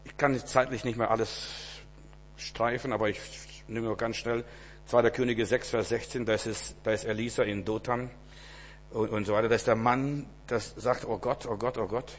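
A man preaching a sermon to his congregation, swinging between loud emphatic cries and low hushed asides, repeating words for emphasis. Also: fairly even intonation, moderate pace, big-room sound, slight background noise.

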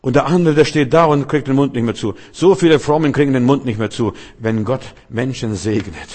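Man, preacher, free-flowing sermon, mid-pitched, direct rhetorical questions, loud bursts and hushed asides. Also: brisk. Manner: animated, swings between loud exclamations and quiet asides; addresses listeners directly, often with rhetorical questions.

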